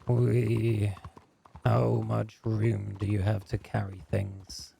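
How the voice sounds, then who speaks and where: A man speaking in character in a roleplay game, calm, firm and matter-of-fact. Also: lowish voice, slow, gravelly, a little hiss or hum. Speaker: roleplay gamer.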